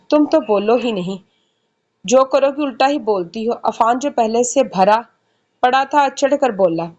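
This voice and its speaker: A woman's voice: on the high side, darkish tone. A woman reading a romance novel aloud, voicing each character's dialogue herself with small shifts in tone. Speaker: novel narrator.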